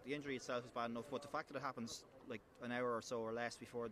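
Quick-talking club TV interviewer. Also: male voice, mid-range voice, fairly even intonation, a bit bright. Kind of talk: post-match interview questions.

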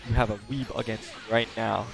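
A man giving live commentary as he streams a fighting game on a headset, excitable, laughing, swearing and getting hyped. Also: on the low side, brisk, vocal fry, music in the background.

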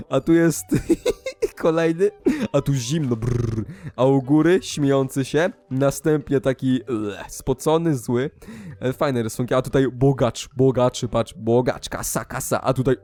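A young man giving excited commentary over his gameplay, often jumping into high, loud outbursts. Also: moderate pace, faint music behind. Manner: animated, jumps into high excited shouts. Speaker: Minecraft YouTuber.

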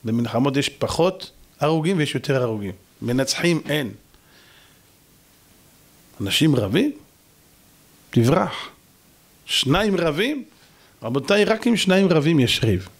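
A man's voice: fairly high pitch, sing-song, pauses often. A man, a rabbi, preaching a sermon in an emphatic style full of rhetorical questions. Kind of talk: sermon to a congregation.

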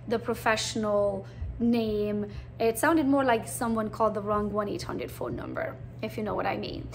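In a recruiting presentation, a woman in her forties from Transylvania, Romania, chats frankly about working as a realtor, telling her stories with animation in a Hungarian accent. Her pitch is fairly high, and a faint hiss or hum runs under the recording.

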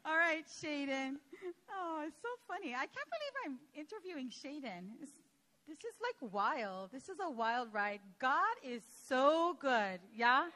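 A pastor's wife interviewing a guest at church, giggly and halting. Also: female voice, sits high, sing-song, sharp tone. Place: church sanctuary.

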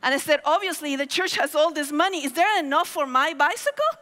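Speaking briskly through a headset mic, an Argentine woman of middle age preaches from a big hall stage to an audience. Her voice is high and bright, and she tells stories with animated gestures, calling out to the crowd. Every phrase trails off in the hall's long reverb.

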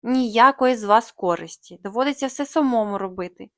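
Буркотливий монстр-ватажок у виконанні жінки. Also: female voice, on the high side, moderate pace, a bit bright, dry recording, clean studio sound. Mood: scheming. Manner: grumbling, sly. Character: scheming male monster leader, grumpy, bossy.

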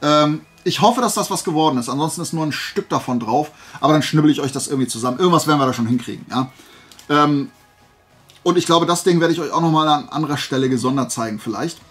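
A man hosts a casual YouTube haul vlog, rambling informally as he thinks out loud. His voice sits a little high and sounds a bit bright, and he talks fast.

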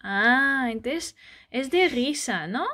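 A woman, a vlogger and mother, chatting softly and dotingly with a child and her viewers. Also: sits high, animated, slow. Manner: doting and soft, speaking as to a small child. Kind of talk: casual chat with a child and viewers.

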